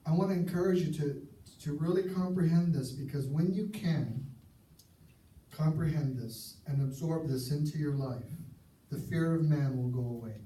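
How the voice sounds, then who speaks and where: A man's voice: a little high, normal speed, warm tone. A male pastor preaching a sermon in an earnest, emphatic way, repeating key phrases for effect. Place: church sanctuary. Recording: echoey church recording from far off.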